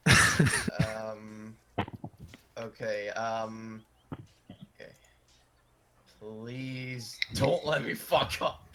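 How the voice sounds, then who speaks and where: A man's voice: lowish voice, level tone, drawn-out words, pauses often, pushed and bright, slight background noise. A man playing a tabletop game, hesitant with many ums, speaking in character now and then. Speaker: player. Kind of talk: casual game chat.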